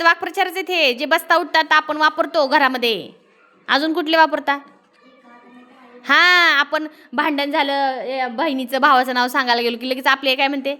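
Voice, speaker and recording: A woman teacher reads a story to her pupils in a classroom and keeps stopping to explain it and put questions to the class. Her voice is high-pitched, bright and forceful. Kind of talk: classroom lesson, reading a story aloud.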